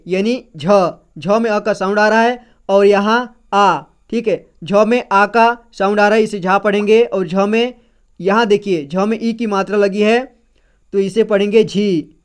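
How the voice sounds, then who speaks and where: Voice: mid-range voice, clear, resonant tone. A patient reading teacher going through a syllable chart one sound at a time, repeating each syllable and checking in with the learner after every point. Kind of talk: slow syllable-by-syllable reading lesson.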